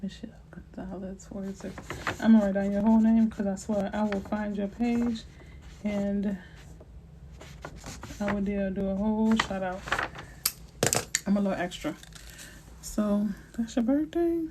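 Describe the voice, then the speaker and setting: A middle-aged realtor from New Orleans, Louisiana, with a local accent, hosts a relaxed live-stream Q&A, answering viewers playfully with slang and asides. Her mid-range voice is unhurried with frequent pauses, and there's background noise.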